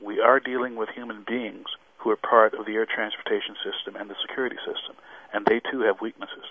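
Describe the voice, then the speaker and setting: A man with a lowish voice talks very quickly over a thin, phone-like line. He is an expert guest on a radio interview, explaining points formally with examples. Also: fairly even intonation, no echo. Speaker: airline safety expert guest. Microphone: remote line into radio show. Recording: narrow tinny phone-like line.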